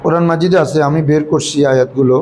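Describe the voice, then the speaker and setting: A man with a high voice teaches a grammar class. He keeps asking his students questions and calls them fondly as he explains. Faint noise sits behind the recording. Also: fairly even intonation. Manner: recites Quranic verses slowly. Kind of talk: classroom lesson.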